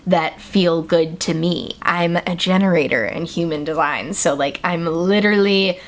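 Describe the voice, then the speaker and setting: A woman's voice: on the low side, a little slow. A young adult woman hosting a solo podcast, talking in a chatty, playful way with lots of fillers. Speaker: podcast host.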